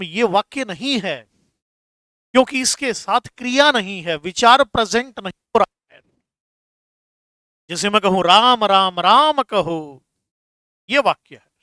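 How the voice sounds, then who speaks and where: High-voiced, slow-talking male teacher. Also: lively intonation, pushed and bright, dry recording. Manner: explains slowly, repeats terms, calls students "beta". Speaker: Hindi grammar teacher. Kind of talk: classroom lesson.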